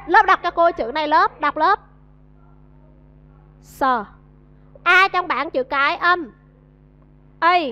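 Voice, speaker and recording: Teaching English vocabulary to a class, this Vietnamese-accented woman coaxes answers out of students and drills their pronunciation. She has a high, bright voice with a forceful tone, captured on dull lo-fi audio.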